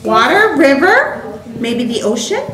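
A woman's voice: high-pitched, very animated, slow, a bit bright. A woman hosting a children's show, teaching a child with picture cards in a sing-song, coaxing, praising way. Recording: echoey room with music behind.

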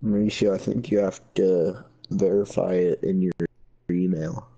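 A laid-back man in a gaming party chat, shrugging things off and giving offhand advice. His low voice is gravelly and dark, with faint game music behind him. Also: little pitch movement, a little slow, highs cut off.

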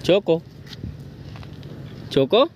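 A man's voice: drawn-out words, background noise. A man in a casual argument with his girlfriend, coaxing and pleading over and over, yet stubborn. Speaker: boyfriend pulling a prank.

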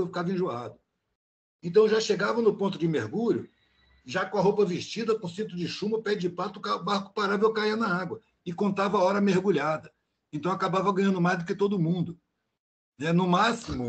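An older man talking on a video call, telling a blunt, slangy story in casual chat. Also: high-pitched. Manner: blunt and slangy, peppered with "mano". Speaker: meeting participant.

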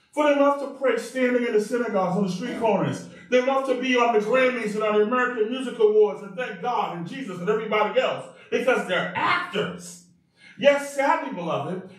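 Male pastor, sermon, animated call-and-response, high-pitched, distant mic. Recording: very echoey room, mic far off.

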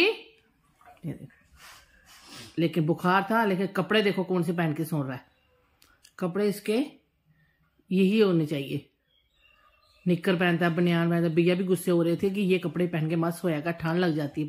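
A woman in her thirties talks casually into her phone at home. Her voice sits on the low side, and she chats on at length. She shifts into sharp, raised scolding when the kids or pets act up. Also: fairly even intonation, brisk, roomy sound. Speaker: vlogger. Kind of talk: casual home vlog chat. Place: home, indoors.

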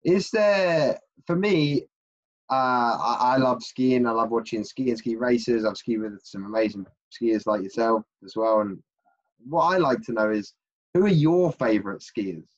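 A man's voice: mid-range voice, lively intonation, measured pace. A British man hosting an interview over a video call, friendly and hesitant with many restarts. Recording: dull lo-fi video call audio.

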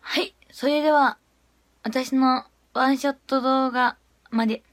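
A young woman chatting casually on a livestream, giggly, swinging between murmured asides and excited squeals. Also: high-pitched, a little slow. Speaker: idol livestreamer.

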